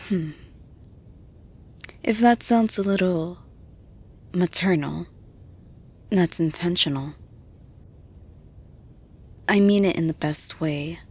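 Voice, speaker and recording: In an intimate ASMR-style roleplay monologue, a woman plays a nurturing female boss in full character voice. Her breathy, lowish voice moves very slowly, soothing and hushed in a maternal way, often dropping into whispers.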